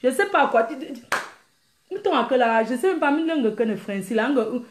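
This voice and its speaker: A woman's voice: sits high, normal speed, roomy sound, slight background noise. A woman hosting a casual live stream, brash and teasing, answering viewers and laughing often. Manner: animated, mimics crying sounds.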